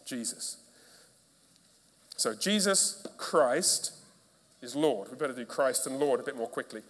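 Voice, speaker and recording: A man's voice: medium pitch, animated, a little slow, a bit bright. Emphatic male pastor preaching in a reverberant hall. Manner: emphatic, with repeated rhetorical questions. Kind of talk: sermon. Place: church.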